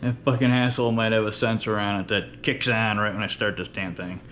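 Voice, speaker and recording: A man with a fairly low voice rambles through a casual workout vlog. He speaks with a lisp and whistling s, blunt and full of swearing. There is faint room noise behind him. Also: level tone, a little fast, fairly bright tone. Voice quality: lisp with whistling s, from missing top teeth. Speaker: workout vlogger. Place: indoor home workout space with running fridge.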